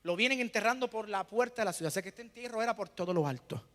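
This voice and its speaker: A male pastor preaching a sermon, asking rhetorical questions and pausing for the congregation to fill in the answer. He swings between hushed lines and loud, emphatic bursts. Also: high voice, big-room sound. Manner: preaching with rhetorical questions and call-and-response pauses.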